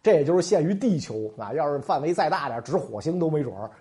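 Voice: medium pitch, expressive, fast, warm tone. A history podcast host telling a comic, colloquial history story with slangy jokes and asides.

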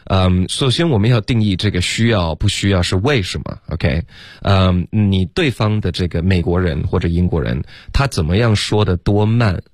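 A man's voice: deep voice, moderate pace, dry recording, studio quality. A man teaching pronunciation on a radio lesson, explaining patiently and switching between English and Chinese. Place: radio studio.

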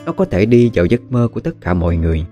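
A man narrating a horror story in a relaxed, conversational way with spoken fillers. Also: fairly low pitch, rapid-fire. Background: faint guitar music.

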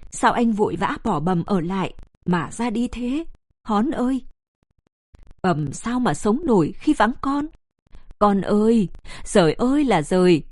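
A woman's voice: mid-range voice, lively intonation, measured pace, pauses often, a little mellow, dry recording, clean studio sound. Woman doing a grieving old village mother. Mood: wailing. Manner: wailing, broken lament.

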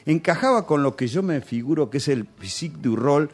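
A man's voice: a little high, expressive, brisk, darkish tone, breathy edge. A man with a Rioplatense Spanish accent telling nostalgic, chatty stories on a radio show. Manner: nostalgic, chatty storytelling with local slang.

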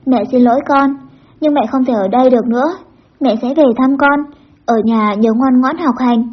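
A woman reading a story aloud, voicing a mother who speaks softly and slowly through tears. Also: high voice, slightly rough. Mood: tearful. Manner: soft, slow, apologetic. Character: tearful mother leaving home. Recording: dull lo-fi with faint music.

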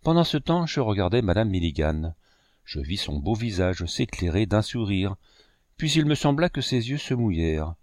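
Male audiobook narrator, measured and expressive, animated pitch, very dry close sound. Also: no room sound. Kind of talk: scripted narration.

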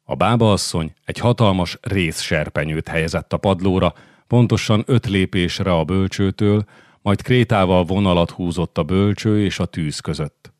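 Deep-voiced man narrating an audiobook. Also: dry recording, studio quality. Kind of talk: scripted narration.

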